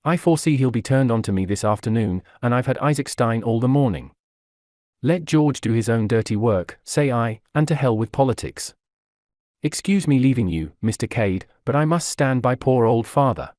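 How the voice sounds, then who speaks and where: A man voicing a brisk, outspoken young aristocratic woman. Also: medium pitch, no echo, clean studio sound, lightly acted. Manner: lively, outspoken.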